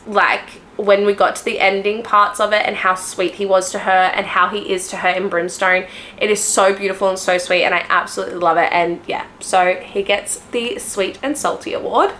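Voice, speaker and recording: A woman's voice: mid-range voice, a bit bright, a little hiss or hum. A woman book vlogger chatting casually to her viewers, gushing and rambling with frequent restarts.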